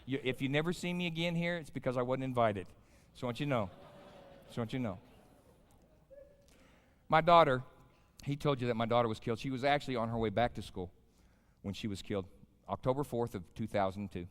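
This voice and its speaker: A guest pastor in his fifties with an American accent and a mid-range voice preaches a little fast in a big indoor chapel. The sermon is casual and folksy, built on stories and questions to his listeners. The hall is live, with a long reverb trailing off.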